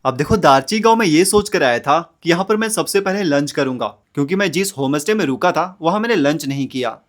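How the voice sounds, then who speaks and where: Young man, travel vlogger, casual chatty narration, outdoors in mountain village, slightly high voice. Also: animated, brisk. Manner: chatty, keeps addressing viewers as brother and friends.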